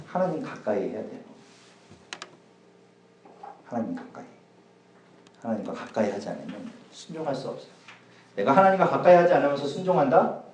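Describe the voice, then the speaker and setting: A man preaching a casual sermon to a youth group, chatty and joking, swinging between loud and soft. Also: mid-range voice, a little hiss or hum. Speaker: youth pastor. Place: church hall. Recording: echoey church hall, from a distance.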